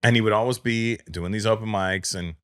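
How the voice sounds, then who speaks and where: A man in his fifties with a Canadian accent, hosting a podcast and telling a story in a casual, animated way. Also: lowish voice. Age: 50s. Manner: animated, quick storytelling with imitated voices. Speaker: podcast host.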